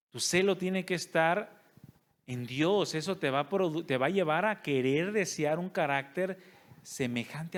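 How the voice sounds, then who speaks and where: A male pastor, preaching a sermon and putting rhetorical questions to his congregation. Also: fairly high pitch. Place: church service.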